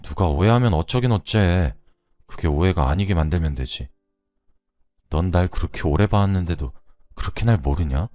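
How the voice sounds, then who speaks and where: A man's voice: low-pitched, expressive, normal speed, mellow, no room sound, clean studio sound. A man voicing a taciturn middle-aged man who speaks bluntly but tenderly. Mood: gruff tender.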